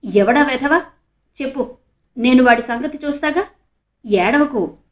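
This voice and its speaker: A woman's voice: sits high, a little slow. A woman voicing a young male reporter who comforts his younger sister with concern. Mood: coaxing. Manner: eager, concerned, soothing. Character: young male reporter, protective elder brother. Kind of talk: audiobook character reading.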